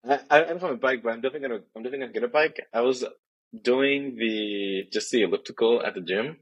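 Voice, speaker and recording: A man's voice: mid-range voice, quick pace, breathy edge, muffled recording. A young man from Tijuana and San Diego, chatting casually as a podcast guest, rambling with many restarts. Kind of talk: casual chat.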